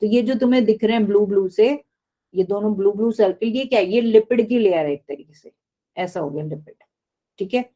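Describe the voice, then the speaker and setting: A woman's voice: medium pitch, a little fast, warm tone. A woman teaching biology in a live online class, explaining step by step and often asking the class questions.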